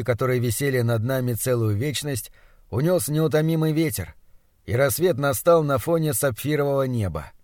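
A male audiobook narrator reading a first-person story in a measured, even manner. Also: medium pitch, no echo, studio quality. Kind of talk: scripted narration.

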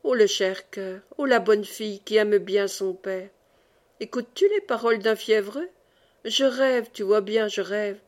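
A woman's voice: medium pitch, unhurried, lightly acted. A woman reading the part of an old exiled nobleman, a doting father who speaks with fervent emotion.

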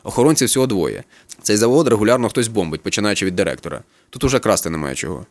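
A man reading a story, voicing a gruff male factory worker who talks in a conspiratorial, matter-of-fact way. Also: fairly low pitch, expressive, rapid-fire, no echo, lightly acted.

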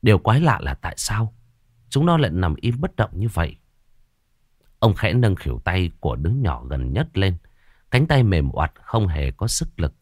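A man narrating a scripted ghost story in a dramatic, suspenseful way with slow pauses. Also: sits low, very animated, darkish tone, no room sound, clean studio sound.

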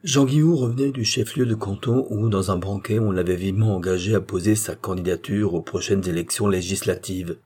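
Low, husky male storyteller. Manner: measured, expressive storytelling. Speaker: narrator. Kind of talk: dramatic reading of a short story.

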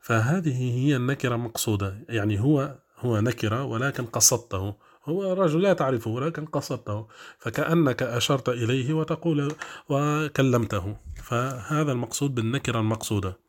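A man teaching Arabic grammar in a classroom lesson, explaining step by step with drawn-out fillers and frequent checks that listeners follow. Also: mid-range voice.

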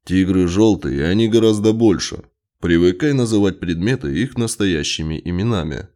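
Man voicing a cold scientist husband, curt, sneering, low voice. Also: lively intonation, moderate pace, warm tone. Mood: snapping.

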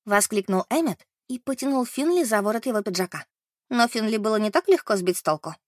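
A woman narrating an audiobook in an expressive, animated way. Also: fairly high pitch, a little fast, no echo, studio quality.

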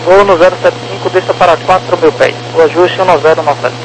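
A man's voice: high-pitched, fairly even intonation, fairly quick, music in the background. A Brazilian man working as an air traffic controller, giving clipped instructions over an aircraft radio. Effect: aircraft radio transmission. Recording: noisy aviation radio with hum.

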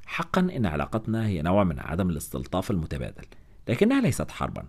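A man with a very deep voice reads a first-person novel aloud. He keeps a quick pace and lets his pitch rise and fall a great deal as he tells the story. His delivery is expressive, with wry asides. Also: breathy edge. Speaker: audiobook narrator.

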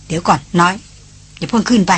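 A woman reader voicing a firm male expedition leader, the eldest brother, giving calm orders. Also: high voice, fast talker, husky, exaggerated voice. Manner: firm commanding.

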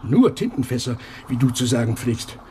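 An actor playing an aging inkwell collector in a radio play, who broods quietly and then flares up into shouting. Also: male voice, mid-range voice, big pitch swings, normal speed, a little hiss or hum, lightly acted. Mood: reflective. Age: older.

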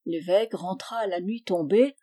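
A woman narrating a classic literary short story in a measured, even reading voice. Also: fairly low pitch. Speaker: reader.

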